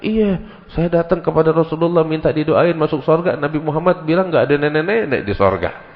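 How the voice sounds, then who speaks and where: A man's voice: on the high side, brisk, muffled recording, pitched above the performer's own voice, natural voice. A man voicing a frail, wrinkled old woman in shocked, tearful disbelief. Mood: dismayed.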